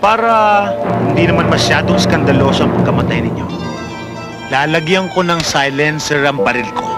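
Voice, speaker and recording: A slow, mock-pious hitman. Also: fairly high pitch. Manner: drawling, mock-refined. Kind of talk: film comedy acting. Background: loud film score.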